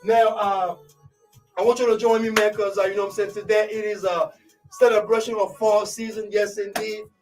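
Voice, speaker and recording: A male radio host from Côte d'Ivoire with a high voice, pumping up his listeners and leaning on the same filler phrase again and again. He sounds a little off-mic, with music playing underneath. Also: level tone, fairly quick, far from the mic, poor audio. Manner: hypes listeners with constant "you know what I'm saying" fillers. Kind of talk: live radio show intro.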